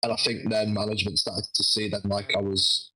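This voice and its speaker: A young man, a wrestler guest, telling a lively anecdote with frequent restarts. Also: lowish voice, fairly quick, poor audio. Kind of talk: casual storytelling.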